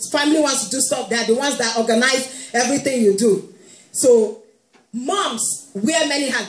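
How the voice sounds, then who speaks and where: A woman preaching a sermon to a congregation, speaking with humor and often laughing. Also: high voice. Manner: warm humorous preaching, playfully quoting moms, laughing. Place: church hall. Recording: echoey hall with faint music.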